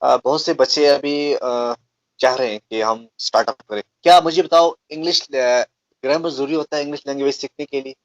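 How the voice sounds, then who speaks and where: A male interviewer puts questions to his guest, pausing on filler sounds. His voice sits in a middle pitch. The sound is dry and slightly lo-fi. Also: no room sound. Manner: asks questions with hesitant fillers. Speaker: host, interviewer.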